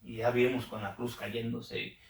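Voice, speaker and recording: A man's voice: medium pitch, little pitch movement, normal speed. A man leading a Bible study, reading passages aloud and then explaining them, checking in with his listeners through frequent questions. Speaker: Bible teacher. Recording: roomy echo, distant mic.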